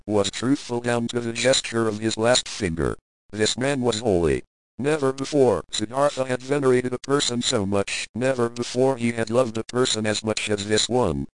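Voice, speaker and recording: A man narrating an audiobook in a measured, even storytelling manner. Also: medium pitch, clear, resonant tone, dry recording, poor audio. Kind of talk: scripted narration.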